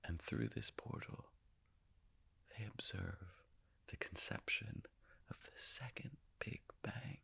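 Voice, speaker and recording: An actor playing the Higgs boson as a calm, all-knowing narrator, telling his story in a measured way and sinking often into hushed whispers. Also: on the low side, creaky, husky, heavily acted. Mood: hushed awe. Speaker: actor performing a stage monologue. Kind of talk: theatrical monologue.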